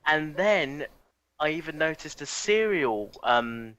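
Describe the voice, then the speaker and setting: A man's voice: on the high side, expressive, slow, bright, forceful tone, clear, resonant tone, rough recording. An Englishman with an English accent chatting casually on a video call, telling anecdotes with small restarts and easy laughs. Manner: chatty storyteller, restarts words, laughs easily. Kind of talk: casual live-stream chat.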